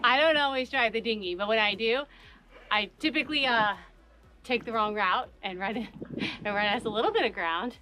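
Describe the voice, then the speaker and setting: A woman in her thirties vlogging outdoors with a camera at arm's length, chatty and quick to laugh at herself. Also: on the high side, bright, forceful tone, poor audio. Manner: chatty, self-mocking, laughs often. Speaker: travel vlogger. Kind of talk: casual vlog chat. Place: outdoors on a sunny island street and dock. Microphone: handheld camera at arm's length. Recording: music bed under outdoor vlog. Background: background music.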